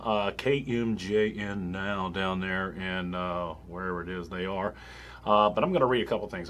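A man's voice: on the low side, breathy edge. A man hosting his own channel, talking casually and rambling a little, with frequent fillers and chuckles. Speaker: gun channel host. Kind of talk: casual commentary to camera.

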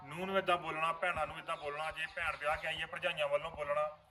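A man's voice: fairly high pitch, flat delivery, fast, noisy background. A man, an actor in a vlog series, earnestly explaining roles to viewers. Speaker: vlogger and actor. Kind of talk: casual chat.

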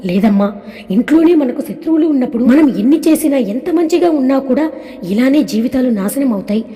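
Woman playing stern older father, scolding, high mellow voice, reverberant hall. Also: animated, a little fast. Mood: angry. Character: stern older father-in-law, angry but loving.

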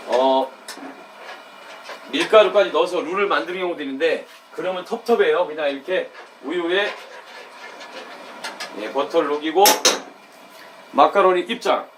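Male home-cook vlogger, high voice, catchphrase-heavy and chatty, slight noise floor. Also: a little slow, long pauses. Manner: loud excited outbursts when tasting. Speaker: cooking YouTuber. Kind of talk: casual cooking demo and drinking vlog.

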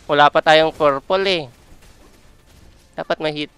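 A Filipino man streams a game and trash-talks the other players in a teasing way. His voice sits a little high and comes across smooth and clear. He talks slowly, and faint music plays underneath. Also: fairly even intonation, fairly bright tone, no echo. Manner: playful trash talk, mixing Tagalog and English. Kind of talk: live gameplay commentary.

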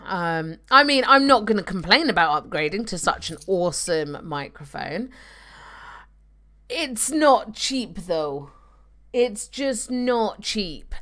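A young woman streams a game from home, chatting casually and reading viewer comments into the desk microphone of her webcam setup. Her voice sits on the low side, smooth and fairly bright.

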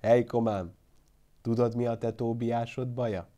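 A man's voice: medium pitch, fairly even intonation, mellow, lightly acted. A man doing a sly wiry old neighbor. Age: older. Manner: teasing, knowing remarks.

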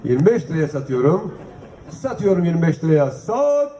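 A man runs a live auction, chanting bids over and over as an auctioneer. His voice is slightly high and mellow. The recording is echoey, with clear noise around him at the event. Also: expressive, a little fast. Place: public festival stage with audience.

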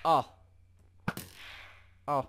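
A man's voice: drawn-out words, fairly bright tone, slight background noise. Chatty young man narrating his gameplay. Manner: chatty, joking, talks to the game's mobs. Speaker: gaming YouTuber. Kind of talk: casual gameplay commentary.

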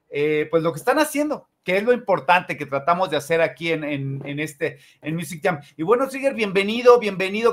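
A Mexican man in his forties, with a fairly high, bright voice, chats casually as the host of a music show, rambling and repeating himself. He's indoors on a video call, wearing headphones.

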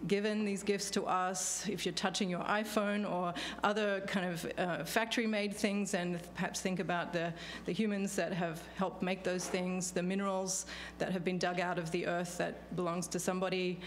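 A woman with an Australian accent speaks into a podium microphone, her voice sitting on the low side. She talks in a thoughtful, halting way, full of ums and restarts. A faint hum runs underneath. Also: little pitch movement. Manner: thoughtful, with many fillers and restarts. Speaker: panelist, law professor. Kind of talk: conference talk. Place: law school lecture hall. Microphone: podium microphone on stand.

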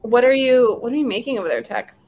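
A woman's voice: on the high side, very animated, muffled recording. A woman chatting on a livestream with other builders, playful and teasing. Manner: playful, teasing, quick apologies. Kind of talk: casual chat.

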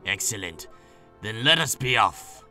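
A calculating sky pirate, as a man puts him on for a game, pitched down and measured. He speaks coolly, with a bright edge still showing through the lowered voice. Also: expressive, soft background music, heavily acted. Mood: scheming. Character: gruff, scheming male sky pirate.

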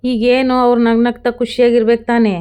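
A woman's voice: fairly high pitch, flat delivery, a little fast, a little mellow, clear, resonant tone, lightly acted. A woman reading the lines of a worried little girl from a TV serial in a plain recap voice. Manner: read out plainly in a retelling.

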